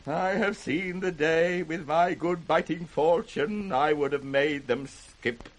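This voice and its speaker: An actor playing an aged, grief-maddened king in British radio Shakespeare, raging and tender by turns with declamatory, drawn-out delivery. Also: on the high side. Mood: fierce, then weary. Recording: noisy vintage radio recording.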